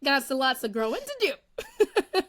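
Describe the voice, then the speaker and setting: A woman's voice: high-pitched, wildly swooping pitch, unhurried, fairly bright tone, dry recording, studio quality. A woman hosting an interview show, bubbly and gushing, giggling often. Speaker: podcast host. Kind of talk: casual interview chat.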